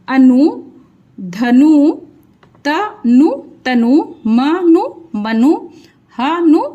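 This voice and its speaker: A woman teaching young children to read, sounding out each syllable and repeating words slowly, with questions to the viewer. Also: sits high, a little mellow, muffled recording. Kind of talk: slow children's phonics lesson.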